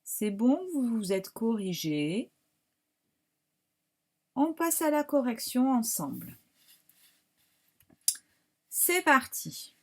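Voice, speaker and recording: A woman teacher with a French accent giving a slow, careful dictation lesson to young pupils, spelling words out. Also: a little high, sing-song. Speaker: primary school teacher.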